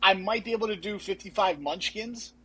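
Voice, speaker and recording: A man's voice: sits high, brisk, bright, forceful tone, slightly rough, rough recording. A young man co-hosting a casual sports podcast, joking and chatty. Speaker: podcast co-host.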